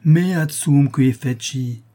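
A man reading aloud, voicing a calm, ironic man who corners a murderer with cool, relentless mockery. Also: mid-range voice, takes it slowly, voice pushed up. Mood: coolly mocking.

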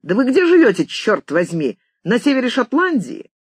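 A reader voicing an impatient American businessman with a high, slightly nasal voice, talking in clipped bursts on a phone line in an audiobook. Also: sing-song, a little fast, dry recording. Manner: brusque, clipped, shouting.

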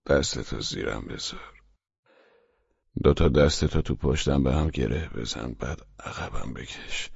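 A man voicing a curt, gruff young man stuck in bed and in pain, giving short, blunt instructions in an audiobook. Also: a little mellow, no echo, dull audio, full character voice. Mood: instructing. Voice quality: very deep and gravelly. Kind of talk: audiobook character reading.

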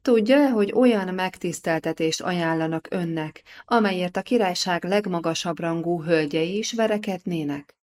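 A woman's voice: fairly low pitch, few pauses, a little mellow, close to an everyday voice. A woman reading an audiobook, voicing a bossy, scornful middle-aged noblewoman who talks down to a young mother. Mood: indignant. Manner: scolding, haughty.

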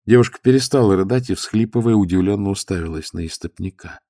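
A man reading a story aloud in steady scripted narration. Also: on the low side, fast, no echo, clean studio sound. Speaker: audiobook narrator.

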